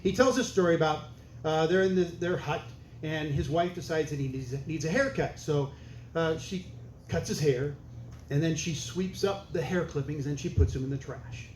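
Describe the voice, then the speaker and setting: A man performs stand-up comedy in a dry, punchy, conversational style. His voice sits a little high for a man. It rings in an echoey club room over a faint hiss. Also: normal speed. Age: older. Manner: deadpan, conversational, punchy delivery. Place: comedy stage before a laughing audience.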